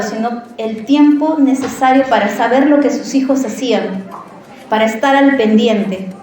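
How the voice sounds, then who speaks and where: A woman preacher giving a sermon in a church, telling a personal story in an animated, conversational way and often asking the listeners questions. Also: a little high, heavy reverb.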